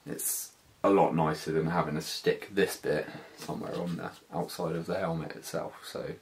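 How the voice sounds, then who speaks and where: A British man in his thirties with a deep, low voice talks through gear in a casual vlog style. His delivery is informal, slangy and a little hesitant. The indoor recording carries faint background noise and small handling clicks. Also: steady tone, normal speed, gravelly. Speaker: motovlogger. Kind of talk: casual hands-on product walkthrough. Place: small living room, indoors.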